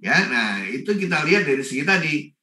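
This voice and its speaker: A man from Indonesia giving a lively talk at an online forum, mixing in English phrases and greeting listeners by name. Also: fairly high pitch, brisk, reverberant, recorded from a distance. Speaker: forum speaker.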